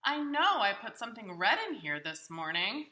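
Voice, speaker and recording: A woman's voice: mid-range voice, big pitch swings, moderate pace, bright, forceful tone. A woman voicing a big, friendly, childlike bird from a storybook, earnest, hesitant and easily muddled. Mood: hesitant, eager. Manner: hesitant, earnest, folksy exclamations.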